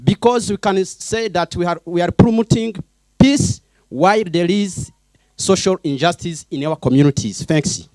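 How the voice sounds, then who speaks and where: Man from Burundi, NGO director, slightly high pitch, earnest and brief. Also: moderate pace, a little mellow, dry recording. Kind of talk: panel contribution.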